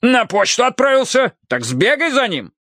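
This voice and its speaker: A man voicing a gruff, irritable old colonel who blusters and barks orders. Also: fairly high pitch, very animated, unhurried, a bit bright, no room sound, clean studio sound, pitched above the performer's own voice, full character voice. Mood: barking.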